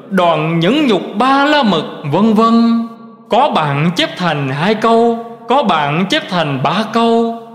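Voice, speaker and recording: A man giving a slow, measured recitation of Buddhist teachings in a scripted reading style. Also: high voice, a bit bright. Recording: roomy recording with long reverb.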